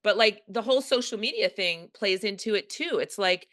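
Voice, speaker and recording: A woman's voice: medium pitch, normal speed, fairly bright tone. A middle-aged woman with a New York accent, hosting a podcast and talking frankly and bluntly. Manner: frank, blunt, swears casually. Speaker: podcast host. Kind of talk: casual conversation.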